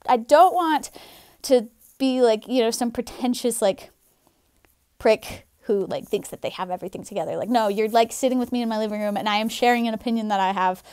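A young woman with a high, light voice talks casually and earnestly, scattering fillers as she shares an opinion from her living room. The sound is close and dry, with no room echo. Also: fairly quick, darkish tone, smooth. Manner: chatty, filler-heavy, earnest. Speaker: vlogger.

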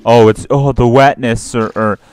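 A man's voice: mid-range voice, steady tone, moderate pace, darkish tone, faint music behind. A man giving casual gameplay commentary, swearing often and rambling in a self-mocking way. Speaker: let's play host.

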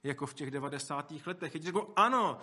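A male preacher giving a sermon in a bright, forceful voice that sits a little high. He talks to the congregation in a conversational way, with asides, and acts out the quotes he tells.

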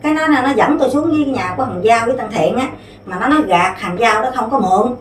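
Woman in her fifties, rapid and rambling, slightly high voice, recorded off-mic in a roomy space with faint noise. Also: expressive, distant mic. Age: 50s. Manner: rambling, many fillers and restarts. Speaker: interviewee. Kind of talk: casual spoken complaint.

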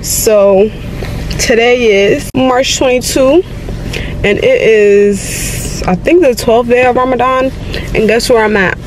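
A woman's voice: on the high side, slow, noisy background. A young woman vlogging casually from her parked car, chatting in slang to her viewers. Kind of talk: casual vlog chat.

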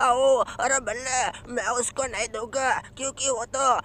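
A man voicing a hot-headed, touchy cartoon bulldog who blusters and shouts threats in a comic gameplay dub. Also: extremely high pitch, flat delivery, normal speed, a little hiss or hum. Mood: threatening.

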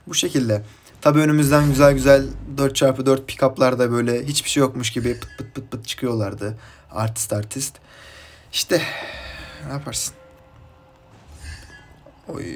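A Turkish gaming YouTuber casually comments on his mobile game match, chatting and rambling from topic to topic with bursts of excited shouting at his teammates. His voice is mid-range, and there's a little hiss or hum.

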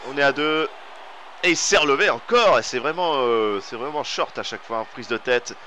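A man with a French accent giving excited play-by-play commentary over a wrestling video game, rising to shouts on big moves. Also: mid-range voice, moderate pace, slight background noise.

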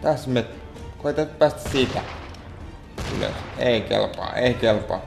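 Guy muttering at his game, mid-pitched, kinda exasperated, roomy echo. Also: vocal fry, faint music behind. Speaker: let's play gamer. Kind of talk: gameplay commentary. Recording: echoey room.

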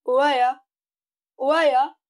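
A woman's voice: high-pitched, steady tone, takes it slowly. A woman playing a strict, bossy mother in a tongue-twister audio drama. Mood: brisk.

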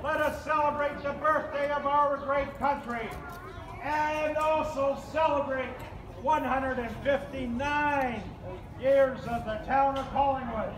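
A man crying out a town crier's proclamation, declaiming in short, drawn-out ceremonial phrases. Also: extremely high pitch, fairly even intonation. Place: outdoor town square before a crowd. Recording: echoey, noisy outdoor recording from far off.

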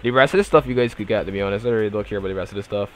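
A young Barbadian man with a lowish voice races through loose, slangy banter while answering his chat on a live game stream, soft music playing behind him. This gaming livestreamer keeps it laid-back and Bajan-accented, often trailing off into mumbled fillers.

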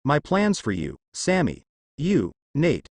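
A man's voice: fairly high pitch, wildly swooping pitch, slow pace, a little mellow, husky, no echo, full character voice. A man voicing a gloating, menacing male demon who mocks his captives. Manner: taunting, mocking.

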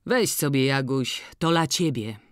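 A woman voicing an old farmer who talks slowly and deliberately. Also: lively intonation, no room sound, clean studio sound. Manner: slow, measured, low-key.

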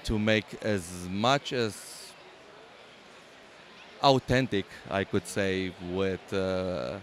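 This LEGO exhibitor from Romania speaks in a low voice and very slowly during a casual convention hall interview. With a Romanian accent, he stumbles through a description of his build with plenty of fillers and false starts, over a faint hiss or hum.

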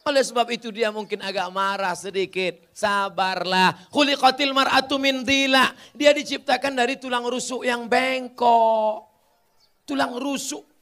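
A man's voice: extremely high pitch, measured pace, pushed and bright. A man preaching to a crowd, answering questions with jokes and building to fervent emphasis. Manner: rising to fervent emphasis, then joking asides. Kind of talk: humorous sermon.

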